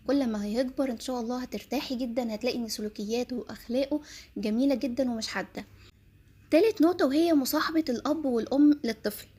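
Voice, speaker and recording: A woman's voice: sits high, a little mellow, breathy edge. A woman with an Egyptian accent giving earnest parenting advice, speaking directly to mothers. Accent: Egyptian Arabic.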